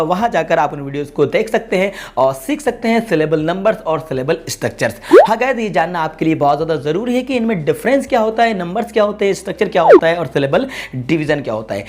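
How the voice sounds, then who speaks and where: Man teaching syllables slowly. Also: sits high, a little mellow. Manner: slow and repetitive, spells words out syllable by syllable. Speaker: English teacher, channel host. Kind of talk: explaining a lesson with examples.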